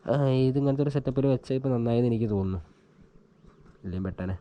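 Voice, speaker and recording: This vlogger has a mid-range, dark-toned voice and talks rapid-fire, thinking aloud informally as he demonstrates an installation hands-on. The casual chat is picked up by an action camera strapped to his helmet.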